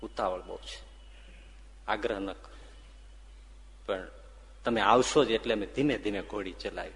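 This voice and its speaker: A man voicing a calm, gentle holy master who speaks softly and quietly, recorded in a reverberant hall. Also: on the low side, unhurried, a little hiss or hum.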